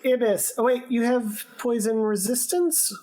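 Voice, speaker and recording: A woman running a remote tabletop game as game master, relaxed and halting with fillers. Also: fairly high pitch. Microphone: remote call mic.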